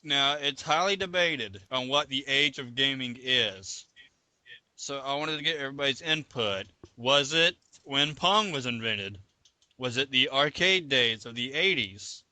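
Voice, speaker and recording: Bright-voiced man hosting a podcast. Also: mid-range voice, animated, unhurried, dry recording. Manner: joking, then poses discussion questions. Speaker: podcast host. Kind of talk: casual chat.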